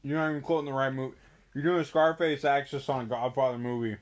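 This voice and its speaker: A man's voice: mid-range voice, fairly even intonation, fast talker. Drunk young man teasing his friend. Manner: teasing, profane, laughing often. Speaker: podcast co-host. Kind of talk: casual chat.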